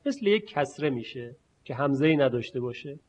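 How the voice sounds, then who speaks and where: A man teaching a spoken lesson who explains patiently and then slowly says sounds aloud as examples. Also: medium pitch, expressive, darkish tone, slightly rough. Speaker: recitation teacher. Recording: muffled lo-fi recording.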